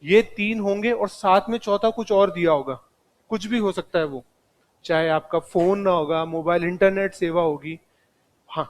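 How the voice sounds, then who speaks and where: A man's voice: sits high, normal speed. A man teaching a live classroom lecture, speaking straight to his students and mixing in English terms.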